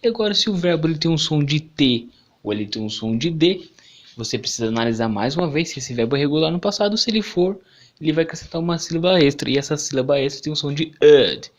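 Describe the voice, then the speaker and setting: A man's voice: on the high side, lively intonation, fast talker, dull audio. A man giving an online English lesson, who keeps checking in with "ok?" and "perfeito?". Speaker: English teacher.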